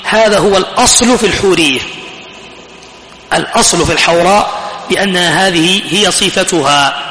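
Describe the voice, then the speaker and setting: A man's voice: sits high, bright, forceful tone. A man preaching a sermon to an audience, emphatic and repeating his phrases, rising sharply when he exhorts. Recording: echoey hall, faint ambience.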